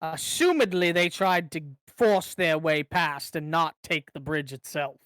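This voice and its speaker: A man's voice: on the high side, a little slow, a bit bright, clear, resonant tone, no echo. A man talking casually during a tabletop game. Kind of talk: casual chat.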